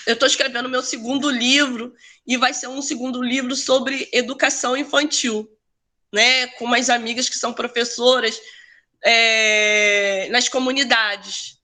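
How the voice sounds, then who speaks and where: A woman's voice: on the high side, fairly even intonation, a little slow, pushed and bright. A woman educator telling a personal story in a casual talk, often adding tag questions. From Brazil. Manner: conversational, tag questions, restarts. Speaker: educator and researcher.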